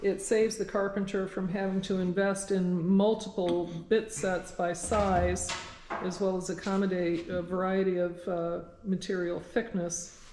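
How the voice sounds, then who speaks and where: A woman's voice: on the low side, flat delivery, a little slow, mellow. A woman hosting a conversational how-to interview, asking questions and restating technical details. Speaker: interviewer of the woodworker. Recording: echoey workshop, background noise.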